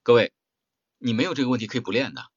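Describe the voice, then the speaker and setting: Male voice-acting teacher lecturing a workshop: blunt, emphatic, rhetorical, swinging pitch, dry dull lo-fi sound. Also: expressive, racing, slightly rough, no room sound.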